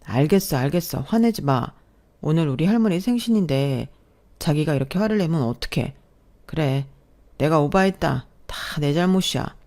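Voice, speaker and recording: A woman's voice: low-pitched, expressive, moderate pace, dark tone. A woman voicing a young boyfriend who snaps sharply and then turns placating and defensive. She reads it within a storybook narration.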